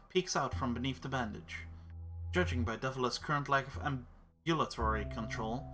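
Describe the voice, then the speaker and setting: A man streaming a game who reads its story text aloud in a steady, measured way. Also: medium pitch.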